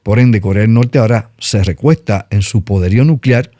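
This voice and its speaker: A man's voice: on the low side, brisk, mellow, no room sound, clean studio sound. A middle-aged Puerto Rican man with a Puerto Rican accent, explaining world politics in a casual, emphatic talk-show style. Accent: Puerto Rican Spanish. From Puerto Rico. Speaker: news commentator.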